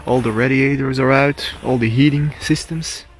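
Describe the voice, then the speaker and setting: An urban explorer vlogger walks around an abandoned villa outdoors, narrating casually into a handheld camera mic. He's chatty and enthusiastic, using lots of fillers. His mid-range voice holds a steady tone at normal speed.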